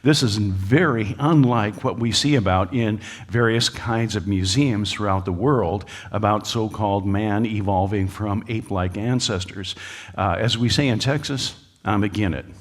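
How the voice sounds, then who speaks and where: A man's voice: on the low side, big-room sound. A man giving a public lecture to a live audience, folksy and joking, with frequent filler uhs. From United States. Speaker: speaker at a creationist talk. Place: lecture hall.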